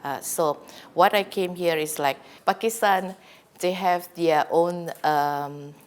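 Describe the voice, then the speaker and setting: A woman speaks in a low, chatty voice as a guest academic. She answers in a loose way, stopping and restarting with many fillers. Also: slow. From Indonesia. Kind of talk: casual interview answers.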